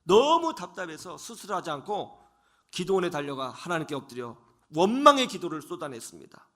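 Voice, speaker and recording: A middle-aged male preacher telling a story in a radio sermon, dramatic, dropping at times to hushed whispers. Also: on the high side, big pitch swings, a little fast.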